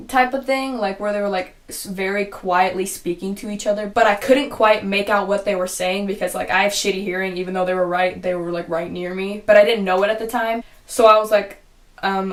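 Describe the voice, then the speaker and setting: A young woman casually telling a storytime vlog, rambling with lots of "like" and swearing, and quoting her own reactions in a hushed voice. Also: mid-range voice. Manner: rambling, heavy use of "like", frequent swearing. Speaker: vlogger.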